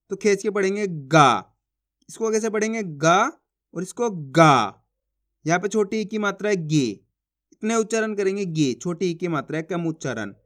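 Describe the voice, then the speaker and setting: A man teaching a basic reading lesson, patient, repeating each syllable and often checking whether the listener has understood. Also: sits high.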